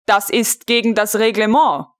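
A woman's voice: mid-range voice, steady tone, normal speed, lightly acted. A woman reading the lines of a strict, pedantic male army captain in an audiobook, stiffly reciting rules. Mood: stern.

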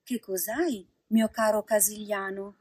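A woman voicing a kindly female marmot in a storybook reading, speaking softly, patiently and consolingly. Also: mid-range voice, fairly even intonation, unhurried, breathy edge, dry recording, studio quality. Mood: gentle.

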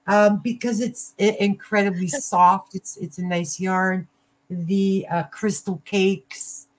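An older woman chatting casually as a livestream host, halting and often rephrasing herself. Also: medium pitch, fairly even intonation, rough recording. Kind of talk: casual chat. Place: small cluttered room at home. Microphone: computer mic on a video call.

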